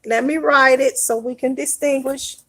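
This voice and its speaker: A woman's voice: high voice, fairly even intonation, normal speed, fairly bright tone. A woman teaching an online Hebrew lesson, explaining step by step and often checking in with "all right?".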